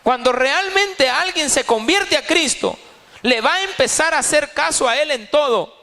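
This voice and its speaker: High-voiced pastor preaching. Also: male voice, expressive, moderate pace, sharp tone. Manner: emphatic preaching, repeating key phrases. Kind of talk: sermon at a Bible study. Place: church. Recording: reverberant church hall.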